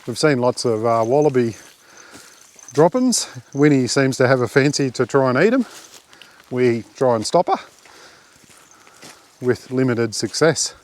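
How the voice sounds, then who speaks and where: A man's voice: medium pitch, unhurried, long pauses. Australian man chatting on a bush walk. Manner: relaxed, rambling, many fillers. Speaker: camping vlogger. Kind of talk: casual walking commentary. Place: outdoors on a bush hiking track.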